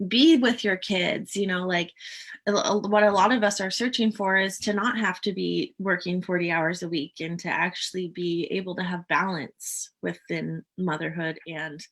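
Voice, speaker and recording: A woman's voice: medium pitch, a bit bright. Upbeat woman hosting an interview. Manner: upbeat, enthusiastic, quick to laugh. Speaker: host. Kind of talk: casual interview chat. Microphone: video call.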